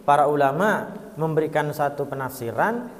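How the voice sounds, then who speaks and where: A man with a Javanese accent preaching a sermon, telling a story dramatically with swings between hushed whispers and loud exclamations. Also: a little high, lively intonation, moderate pace. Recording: long hall reverb.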